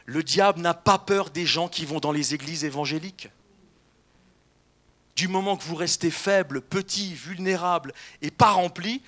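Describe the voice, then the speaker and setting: A man preaching a sermon as pastor, lively and animated, acting out quoted voices. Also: fairly high pitch.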